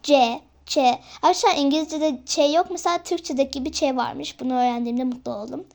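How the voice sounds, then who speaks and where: High-voiced young woman, chatty tutorial. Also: fairly even intonation, fast, gravelly, darkish tone. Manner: chatty, often addresses viewers as friends, hesitant fillers. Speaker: vlogger teaching herself Korean. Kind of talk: casual tutorial vlog.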